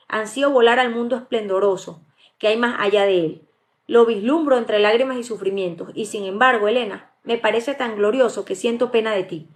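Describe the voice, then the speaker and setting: A woman's voice: fairly high pitch, lightly acted. A woman reading the part of a feverish, passionate dying young woman in a live audiobook, with stumbles and restarts. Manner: read aloud plainly, with stumbles and restarts.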